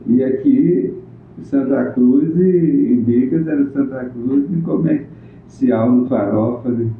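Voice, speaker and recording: A man, recalling local history in a plainspoken, unhurried casual interview. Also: mid-range voice, a little hiss or hum. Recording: echoey room on a tinny phone-like line.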